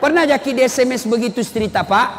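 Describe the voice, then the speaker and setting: A man with a Makassar accent giving a humorous sermon, lively and acting out little dialogues with different voices. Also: very high-pitched, fast talker. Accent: Makassar Indonesian. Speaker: preacher and university lecturer. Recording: hall reverb, faint noise.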